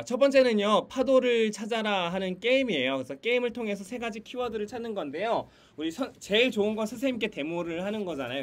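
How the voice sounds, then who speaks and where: Lively high-voiced man leading a video call. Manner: lively, laughs often, teasing game voice. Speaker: Sunday school curriculum presenter. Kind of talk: online teacher training. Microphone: computer mic on a video call.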